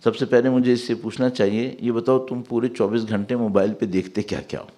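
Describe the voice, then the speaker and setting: Animated preaching male cleric. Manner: animated preaching, rising to emphatic peaks and dropping to soft low asides; mixes English words into his preaching and recites Arabic verses slowly. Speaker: Shia cleric giving a Muharram majlis. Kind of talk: sermon.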